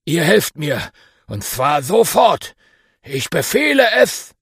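A man voicing a pompous, bossy male lion king who is cowardly underneath, with a gravelly, shouty voice. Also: a little high, very animated, slow, no room sound, clean studio sound, voice pushed up, full character voice.

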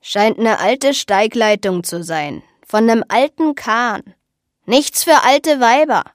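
A woman voicing a gruff, burly male boat skipper who blusters loudly. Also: a little high, takes it slowly, no echo, studio quality. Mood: scoffing.

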